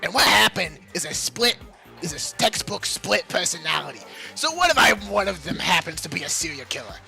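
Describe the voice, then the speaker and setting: A man voicing a manic, brash female serial killer with a put-on New York accent, loud and over the top. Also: sits high, sing-song, fairly quick, vocal fry, soft background music, heavily acted. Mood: gleeful. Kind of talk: amateur fan dub of a game.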